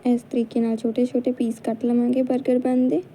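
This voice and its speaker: A woman with a Punjabi accent narrates a home recipe in calm, steady steps. Her voice is very dark and mellow, sitting slightly high, with a flat, even delivery. A faint hiss of noise sits behind her. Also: a little fast, low-quality recording. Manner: calm step-by-step instruction. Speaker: cooking channel host. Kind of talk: cooking tutorial narration.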